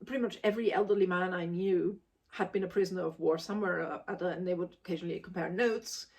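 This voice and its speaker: A woman's voice: fairly low pitch, fairly even intonation, quick pace, darkish tone. A woman. She reviews a book casually and sounds emphatic, articulate and blunt. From Austria.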